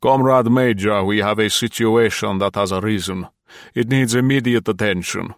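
A man voicing a fat, ruddy older Soviet general with a rasping voice, giving slow, deliberate orders in an audiobook. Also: fairly low pitch, no room sound, studio quality, close to an everyday voice. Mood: commanding. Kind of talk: audiobook character voice.

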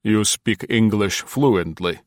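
A man voicing a fat, ruddy older Soviet general with a rasping voice, giving slow, deliberate orders in an audiobook. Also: fairly low pitch, no echo, studio quality. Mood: commanding. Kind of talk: audiobook character voice.

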